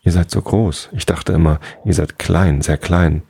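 A man's voice: low voice, steady tone, a little slow, creaky, warm tone, husky, no room sound, clean studio sound, exaggerated voice. A man voicing a curious, earnest young boy in a bedtime story reading. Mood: wondering.

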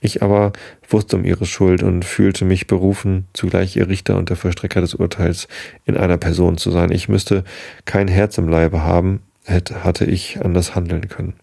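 A man reading the lines of a calm, grim male prisoner who is dying, in a deliberate tone. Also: low-pitched, creaky, breathy edge, no room sound, studio quality, exaggerated voice.

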